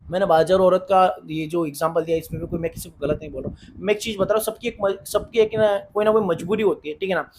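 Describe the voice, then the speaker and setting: A man's voice: sits high, fairly even intonation, fast, few pauses, a little mellow, a little hiss or hum. A man giving relationship advice in a casual monologue, earnest and insistent, often repeating himself.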